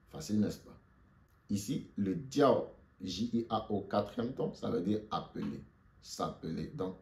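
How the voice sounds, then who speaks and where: A man giving a spoken language lesson, slowly repeating short phrases for listeners to say back after him. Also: deep voice, darkish tone. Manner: slow, repeats phrases for the learner to echo. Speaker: Mandarin teacher.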